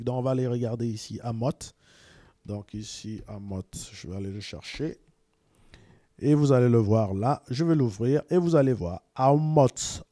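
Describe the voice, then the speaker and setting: A man's voice: medium pitch, warm tone, no room sound, studio quality. A man from Cameroon talks casually to viewers, repeating words and sending greetings as he explains. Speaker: video presenter.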